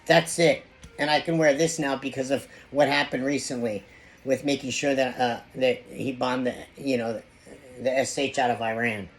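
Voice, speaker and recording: A man hosting an informal opinion monologue, speaking in a halting, repetitive and emphatic way. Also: mid-range voice, steady tone, soft background music. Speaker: video host.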